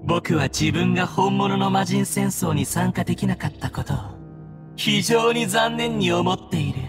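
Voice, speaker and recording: Haughty, high-voiced young male god. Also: music in the background. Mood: mocking. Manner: haughty, theatrical, contemptuous, deliberate. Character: arrogant youthful newborn god in a giant mechanical body. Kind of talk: Japanese anime game voice acting.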